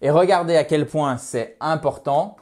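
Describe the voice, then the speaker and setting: A French-speaking man teaching English pronunciation with lively emphasis, stretching out his English demo phrases. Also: fairly high pitch, normal speed.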